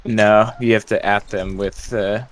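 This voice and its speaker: A man's voice: lowish voice, fairly even intonation, measured pace. A man chatting casually with friends over voice chat during a game, often trailing off and restarting. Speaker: gamer on voice chat.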